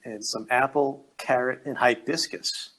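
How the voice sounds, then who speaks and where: A man co-hosting a casual podcast, reading out news items in a steady, matter-of-fact way. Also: medium pitch, measured pace, rough recording. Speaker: podcast co-host.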